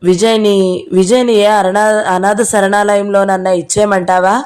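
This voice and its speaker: Woman reading as a soft gentle young daughter, coaxing and tender, mid-pitched. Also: level tone, measured pace, clean tone, close to an everyday voice. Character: gentle young woman consoling her mother.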